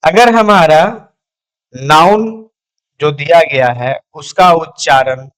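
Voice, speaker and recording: A man teaching English grammar, asking questions and answering them himself, repeating each word slowly. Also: a little high, lively intonation, a bit bright. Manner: repeats words slowly, asks and answers his own questions. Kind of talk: classroom lesson.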